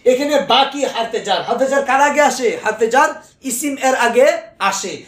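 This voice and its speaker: A male teacher of Arabic grammar, who asks questions and answers them himself and repeats key terms slowly. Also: extremely high pitch, lively intonation, echoey room. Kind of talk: recorded grammar lesson.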